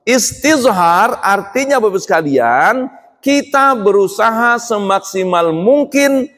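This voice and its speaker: A middle-aged man preaching a sermon to a congregation, often asking them questions. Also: high-pitched. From Indonesia. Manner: lively, asks the congregation questions. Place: mosque hall. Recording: long hall reverb.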